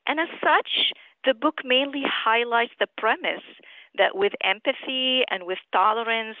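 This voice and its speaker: A woman's voice: on the high side, a little slow, no echo. Middle-aged woman from Syria on a tinny phone line. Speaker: author and physician guest. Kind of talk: phone interview. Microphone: telephone.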